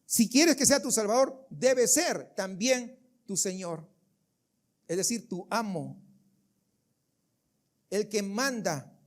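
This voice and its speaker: A man preaching a sermon as pastor of a church service, emphatic and full of rhetorical questions aimed at the congregation. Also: sits high.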